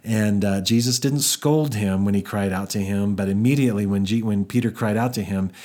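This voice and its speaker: Low-voiced man teaching the Bible. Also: a little fast, a little mellow. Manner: conversational, with frequent restarts and fillers.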